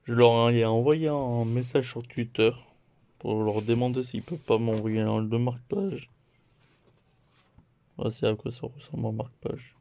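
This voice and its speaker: A man slowly walks through his weekly manga haul in a relaxed vlog, listing volumes one at a time. His voice sits at an ordinary pitch, and his pace is unhurried. He jokes about his own slip-ups as he goes. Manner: slow, listing titles one by one; playful, laughs at own mistakes. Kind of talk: casual haul video chat.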